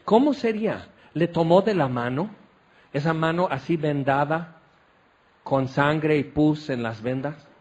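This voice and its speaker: A man's voice: on the high side, unhurried. A man preaching a sermon at a tent meeting. He tells the scenes dramatically, acting them out with exclamations.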